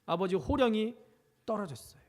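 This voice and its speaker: A woman's voice: mid-range voice, animated, normal speed, darkish tone. A woman pastor preaching, telling a story with rhetorical questions and acted-out quotes. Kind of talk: sermon. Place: church sanctuary. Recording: long reverb of a church sanctuary.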